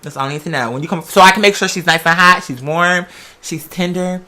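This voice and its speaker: An American video creator rambles through a casual vlog monologue, her mid-range voice fairly quick and sharp. She wanders from topic to topic in a sassy, campy, theatrical style packed with drag slang.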